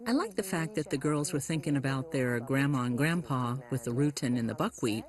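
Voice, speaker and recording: A health critic giving measured, explanatory comments on a dish. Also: medium pitch, animated, over music. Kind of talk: expert commentary.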